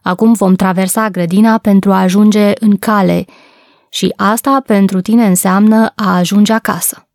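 A woman's voice: mid-range voice, steady tone, darkish tone, no echo, studio quality, natural voice. Woman doing a jaunty newspaper boy. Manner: brisk, jaunty calls. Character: cheerful streetwise boy newspaper seller.

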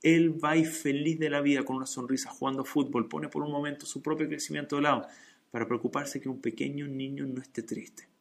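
Male Torah teacher, somewhat high, gravelly voice, lively storytelling. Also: brisk. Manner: animated, acts out dialogue in story. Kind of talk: religious lesson with storytelling.

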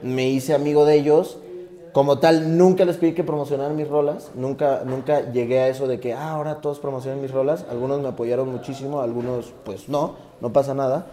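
A man's voice: medium pitch, fairly even intonation, brisk, dark tone. A young man from Tabasco with a Mexican accent, a rapper telling his story in a casual interview in an earnest, reflective way. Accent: Mexican Spanish. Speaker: guest, rapper.

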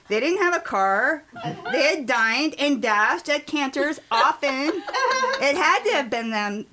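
A woman's voice: a little high, pushed and bright. A woman in her fifties reading her own memoir aloud at a writing workshop, telling it expressively with dramatic emphasis.

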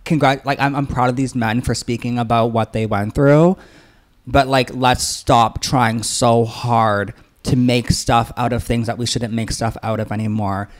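A man's voice: medium pitch, steady tone, measured pace. A man with a lisp and slushy, whistling s sounds, talking casually and earnestly as a podcast co-host. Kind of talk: casual, rambling discussion.

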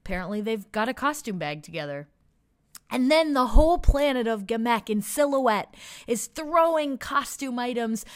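A woman narrating a playful picture story in an animated, storytelling way. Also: on the high side, dry recording. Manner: animated, making up a story as she describes pictures. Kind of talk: playful read-aloud storytelling.

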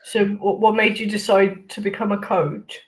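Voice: medium pitch, little pitch movement, moderate pace. A podcast host leads a casual interview, asking follow-up questions. The host often cuts off mid-phrase and starts again, sounding a little tongue-tied.

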